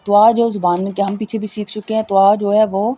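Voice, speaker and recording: A woman's voice: mid-range voice, level tone, dark tone, a little hiss or hum. Patient woman teaching Quran letter sounds. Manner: slow, patient, repeats each point. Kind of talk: Tajweed lesson, spelling out letters and explaining pronunciation.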